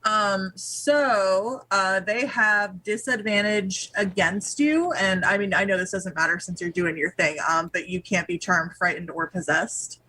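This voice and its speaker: A woman's voice: medium pitch, measured pace, few pauses, sharp tone, poor audio. A woman playing a tabletop game, chatting casually and reading out her character's rules. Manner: chatty, lots of fillers, reads rules aloud. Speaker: player.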